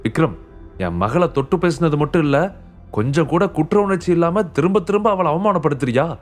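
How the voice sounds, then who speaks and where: A man voicing an arrogant, middle-aged rich father who shouts orders in anger, in an audiobook. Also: a little high, expressive, brisk, soft background music, voice pushed up, close to an everyday voice. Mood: furious. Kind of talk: audiobook character voice.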